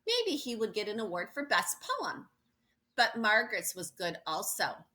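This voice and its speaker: With huge swings in pitch from a medium-pitched voice, a woman performs a children's picture book at a measured pace, her delivery pushed and bright. She stresses words for young ears and drops in asides along the way.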